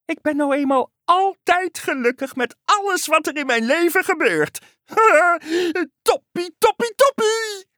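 A woman's voice: sits high, expressive, normal speed, hardly any pauses, a bit bright, dry recording, studio quality, voice pushed up. A woman voicing a cheerful male frog in a children's story, squealing and exuberant. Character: overjoyed cheerful male frog, always happy. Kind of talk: storybook character voice.

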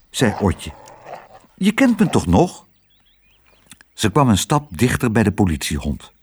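Man reading a kids story aloud, husky voice, pitch jumps all over the place. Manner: expressive, lively storytelling. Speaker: narrator.

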